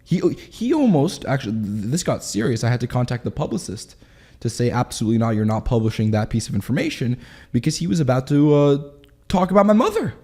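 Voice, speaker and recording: A man of twenty, telling his story in a candid interview in quick, animated bursts. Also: medium pitch. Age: 20s. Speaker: guest.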